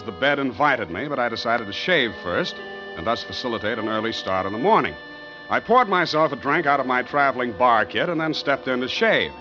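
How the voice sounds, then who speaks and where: An actor playing a wry, tired private detective who narrates a 1940s radio drama with dry wisecracks. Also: male voice, mid-range voice, lightly acted. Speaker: narrator and lead. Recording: dull old radio recording with music.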